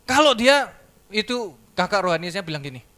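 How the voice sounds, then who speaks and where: A man giving a sermon testimony in church, telling his story in a lively way and acting out the dialogue. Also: sits high, a little fast. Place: church service.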